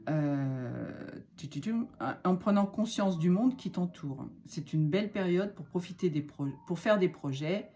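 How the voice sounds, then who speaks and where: A woman's voice: lowish voice, lively intonation, a little slow, mellow, faint music behind. A woman giving a spiritual card reading, chatty and encouraging, with many fillers and restarts. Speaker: card reader.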